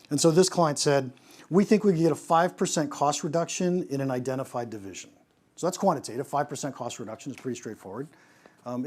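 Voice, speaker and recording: A man with a slightly high voice gives a lively lesson on pricing as a consultant. He keeps asking rhetorical questions and often stumbles into quick restarts as he builds his points. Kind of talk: presentation on pricing.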